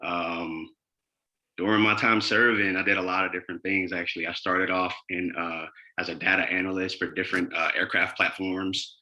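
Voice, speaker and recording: A man in his twenties introducing himself to a class on a video call, speaking in a steady, orderly and polite way. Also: sits low, normal speed. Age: 20s.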